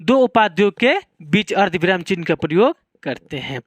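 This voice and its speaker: High-voiced Bihari Hindi teacher. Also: male voice, very animated, moderate pace, no room sound. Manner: repeats key points, asks and answers own questions. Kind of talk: classroom lecture.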